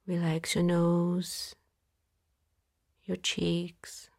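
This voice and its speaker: A woman guiding a body-scan relaxation in a soft, calm voice, sometimes dropping into a whisper, with long pauses. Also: fairly low pitch, vocal fry. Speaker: meditation guide.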